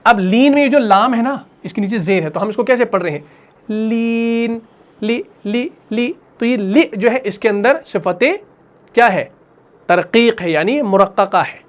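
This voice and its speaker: A man's voice: sits high, animated. Patient man teaching recitation terms. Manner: patient, asks questions and answers them himself; repeats each term slowly. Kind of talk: classroom lesson.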